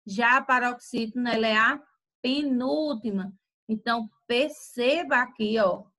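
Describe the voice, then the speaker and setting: Brazilian woman, teacher; unhurried, deliberate delivery with drawn-out examples, bright and slightly high voice. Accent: Brazilian Portuguese. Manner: slow and deliberate, stretching out example words and using "tá?" tag questions. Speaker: Portuguese teacher. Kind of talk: recorded grammar lesson.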